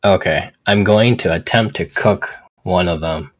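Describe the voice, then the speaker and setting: A player in a tabletop game talks casually in a low, husky voice, unhurried and rambling with lots of fillers.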